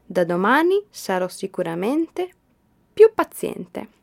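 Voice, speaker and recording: A woman voicing a kind, hopeful girl who plants magic seeds, in a storybook reading with bright, eager lines. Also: medium pitch, very animated, takes it slowly, gravelly, exaggerated voice. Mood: joyful.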